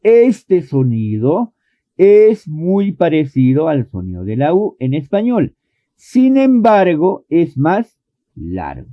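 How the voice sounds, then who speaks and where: A man's voice: on the high side, wildly swooping pitch, slow, no room sound. A man teaching an online English pronunciation lesson, patiently explaining and repeating vowel sounds as demonstrations. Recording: thin phone-like dry audio.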